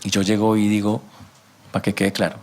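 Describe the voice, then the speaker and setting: A man preaching a sermon as a pastor, animated, asking rhetorical questions and acting out everyday conversations. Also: brisk. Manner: rhetorical questions, rising to emphatic pitch.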